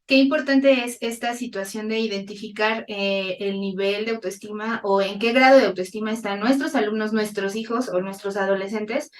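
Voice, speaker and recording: A woman's voice: mid-range voice, moderate pace, hardly any pauses, distant mic. Polite woman interviewer. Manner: polite, formal questions. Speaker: interviewer, teacher. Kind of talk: interview questions to a guest.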